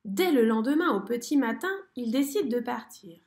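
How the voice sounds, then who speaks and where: A woman reading a children's picture book aloud with lively, expressive storytelling. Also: on the high side, moderate pace.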